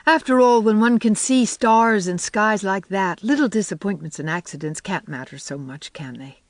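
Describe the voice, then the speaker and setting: A reader putting on a dreamy, imaginative young woman who gushes eagerly, her voice lifting higher than the narration. The recording is dry and close. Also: moderate pace, no room sound, lightly acted. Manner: wistful and gushing, rising in pitch. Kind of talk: audiobook character voice.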